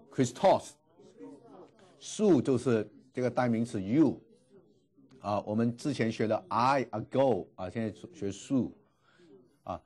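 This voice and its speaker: A male teacher lecturing a class at an unhurried pace, his voice sitting at an ordinary middle pitch. He stretches out each word and says it twice, sounding out syllables for his students. His pauses are filled with long drawn-out particles. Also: mellow. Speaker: Greek language teacher.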